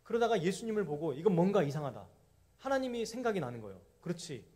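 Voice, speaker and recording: Man, pastor, camp sermon, husky voice, high and swinging pitch, storytelling. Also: fast talker. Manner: animated storytelling, acting out the criminals' voices; asks the audience questions and leads group Bible reading.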